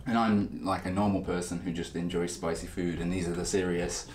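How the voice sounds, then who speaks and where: A man's voice: low voice, little pitch movement, brisk, a little mellow, echoey room. A man hosting a casual spicy food challenge video, chatting in a self-deprecating way while he eats. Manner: chatty, self-deprecating, talks with mouth full. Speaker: channel host. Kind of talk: casual chat while eating.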